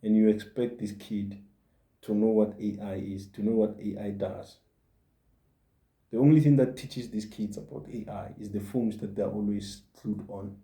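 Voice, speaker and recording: A man in his forties speaks as a podcast host in an earnest motivational monologue, going back over his points to drive them home. His voice is very dark and fairly low. The room around him echoes. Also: steady tone, moderate pace. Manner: earnest, repeats points for emphasis. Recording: roomy echo.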